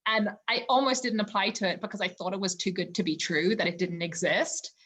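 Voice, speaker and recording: Over a remote call from her home, a woman from Zimbabwe speaks as a podcast guest in a relaxed interview. Her medium-pitched, slightly bright voice moves a little fast, and she sounds earnest and thoughtful, often saying "you know."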